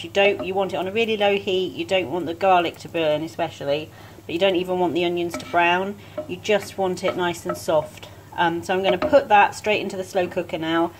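A woman talking casually through each step of a home cooking demonstration in a relaxed, chatty way. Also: fairly low pitch, noisy background. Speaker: home cook vlogger. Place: home kitchen.

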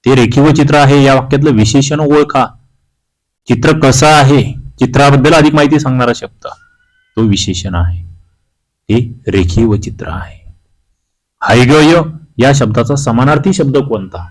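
A man's voice: mid-range voice, normal speed, poor audio. Man running a quiz lesson, reads every option before the answer, plain middle voice. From Maharashtra, India. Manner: reads options aloud, then explains the answer. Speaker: exam-prep teacher.

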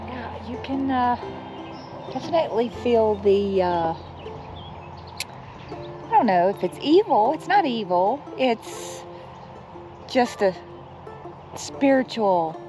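A woman speaks casually and a little hesitantly outdoors. Her intonation is animated, and music plays under her voice. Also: fairly high pitch, slow pace, pauses often. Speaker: vlog companion. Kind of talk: casual chat. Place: outdoors at an abandoned amusement park.

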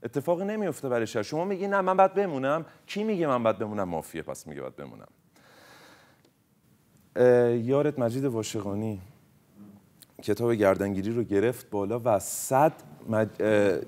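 Man accusing with lively swings. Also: on the low side. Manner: accusing, emphatic, rapid-fire argument. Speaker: game player. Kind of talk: heated accusation in a mafia game.

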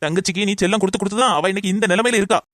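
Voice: mid-range voice, rapid-fire, a bit bright, dry recording, lightly acted. A performer playing an exasperated grown son who scolds his mother. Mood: scolding. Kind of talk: comedy skit acting.

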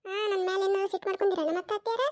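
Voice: very high voice, very fast, darkish tone. A performer voicing a young daughter-in-law in a cartoon comedy skit who coaxes and insists in a North Karnataka Kannada accent. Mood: coaxing. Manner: coaxing and insistent, repeats pleas.

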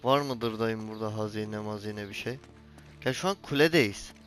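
A man's voice: lowish voice, moderate pace, a bit bright, soft background music. A man commenting on his own gameplay in a casual let's-play, scolding the character he controls and cursing when jumps fail. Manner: exasperated, scolds the game character and swears at the camera. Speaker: gaming channel host.

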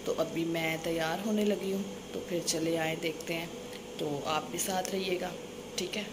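This casual home vlog features a chatty young woman, a Sunday school teacher, addressing viewers directly while recording on a phone at arm's length in a small indoor room. She speaks at a moderate pace in a lowish voice with fairly even intonation over a noisy background.

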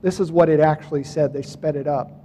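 A man's voice: on the high side, fairly even intonation, brisk, long reverb tail, very noisy. A man telling his story to a conference audience in a casual way, reading out dates and talking to the crowd. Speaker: speaker at a UFO conference. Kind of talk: conference talk presenting photos and clips. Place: conference hall.

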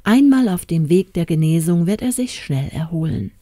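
A grave, calm older doctor, read by a woman in an audiobook story. The voice is dark and mellow and the delivery serious, recorded dry and close. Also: fairly low pitch, moderate pace, dry recording. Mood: reassuring.

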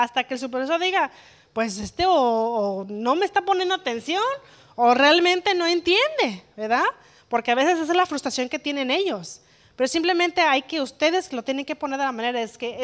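A woman's voice: sits high, a bit bright. A woman leading a workplace communication workshop, earnest and often checking that the group agrees. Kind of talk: instructive workshop talk to a group.

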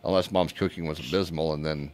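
A man's voice: very deep voice, steady tone, fast talker, darkish tone. A man co-hosting a casual morning radio show, joking and reading out listener answers. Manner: jokey, reads listener answers, laughs a lot.

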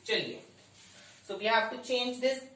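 A woman's voice: fairly high pitch, fairly bright tone. Echoey, distant Indian woman teacher. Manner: deliberate explaining with frequent check-in words. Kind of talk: instructional grammar lesson, mixing English and Hindi. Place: indoor room with bare walls. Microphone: distant camera microphone. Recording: very echoey room, distant microphone.

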